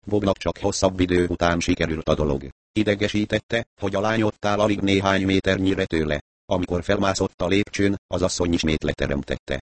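A man with a very low voice reads a story aloud with a wry, storytelling touch. The sound is dry and close, with no room around it. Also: fairly even intonation, hardly any pauses, no echo. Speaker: narrator. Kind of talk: audiobook narration.

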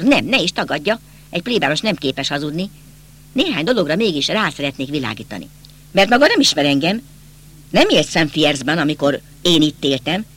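A bitter, agitated young count, voiced by a man reading an audiobook presses and accuses in a bright, tense voice. His pitch leaps around with agitation. The speech is raised and insistent. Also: exaggerated voice.

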